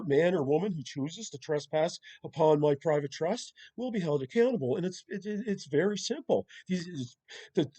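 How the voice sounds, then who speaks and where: A man with a fairly high, warm voice argues over the phone as a caller. He is insistent, repetitive and combative, piling on legal jargon throughout the confrontation.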